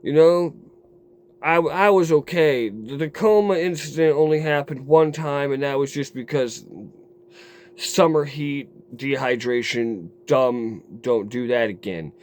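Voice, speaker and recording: A man telling a raw personal story to his camera in a rambling, profane way, dropping low and quiet, then flaring into heated outbursts. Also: unhurried, slight background noise. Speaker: vlogger. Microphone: camera mic.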